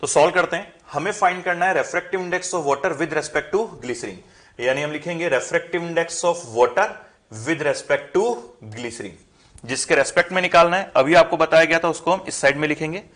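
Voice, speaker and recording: Man, physics lesson, slightly high voice, answers his own questions. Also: normal speed, a bit bright. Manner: asks rhetorical questions and answers them himself. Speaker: physics teacher. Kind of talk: classroom lesson explaining at a board.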